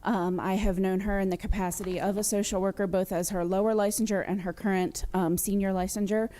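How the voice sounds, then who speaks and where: Woman, social work supervisor, composed testimony, warm mellow voice. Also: medium pitch, fairly even intonation, a little fast. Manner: composed, supportive, with "um"s. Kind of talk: public testimony.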